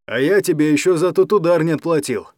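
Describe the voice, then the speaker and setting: A man's voice: on the high side, fairly quick, a little mellow, no echo, studio quality, pitched above the performer's own voice, close to an everyday voice. A man voicing a sullen, resentful young thug who grumbles and threatens, in a storybook reading. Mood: grumbling. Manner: grumbling, menacing.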